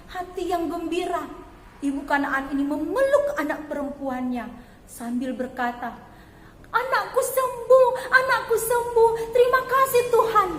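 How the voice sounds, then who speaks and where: Slow, high-voiced woman storyteller. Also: a little hiss or hum. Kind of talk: children's Bible story narration. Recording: echoey hall, faint ambience.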